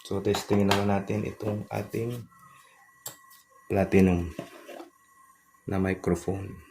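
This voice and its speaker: A man giving a casual product review, calmly explaining features step by step in a polite way. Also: sits low, slow pace, slight background noise.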